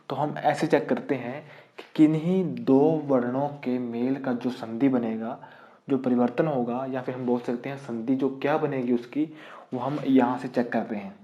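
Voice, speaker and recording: A male teacher explains a grammar rule step by step, firing questions at his students and answering them himself. His voice is mellow and dark, and the recording is dull and lo-fi in a roomy space. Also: mid-range voice. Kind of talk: online exam-prep lesson.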